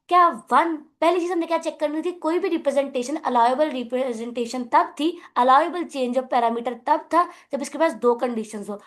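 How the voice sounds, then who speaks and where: Female math tutor, high pitch, patient explanatory lecture, code-switching. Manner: explanatory, often checks if students follow; mixes English terms into Hindi. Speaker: math teacher. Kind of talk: classroom lecture.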